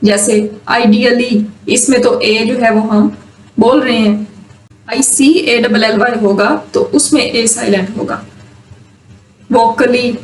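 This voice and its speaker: A woman teaching English pronunciation, reading rule sentences slowly and then explaining them. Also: fairly high pitch, fairly even intonation. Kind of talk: explaining lesson. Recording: roomy echo, mic at a distance.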